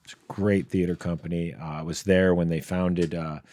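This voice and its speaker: Podcast guest: man, lowish voice, dry close sound, rambling storyteller. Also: steady tone, moderate pace, mellow, no echo. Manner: rambling anecdotes with fillers and laughs. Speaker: guest comedian. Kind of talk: casual storytelling. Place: podcast studio.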